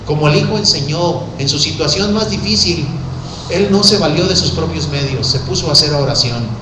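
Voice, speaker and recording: A man preaching a sermon, passionately swinging between hushed tones and shouts. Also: fairly high pitch, brisk, background noise. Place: church sanctuary. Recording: echoey church hall.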